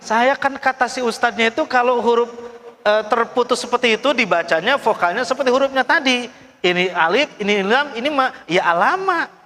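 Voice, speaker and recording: A middle-aged man teaching Quran recitation in a class, drilling his students letter by letter and urging them to read out loud. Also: very high-pitched, fairly quick. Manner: drills students call-and-response, coaxing them to read loudly. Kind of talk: classroom tajwid lesson. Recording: long hall reverb.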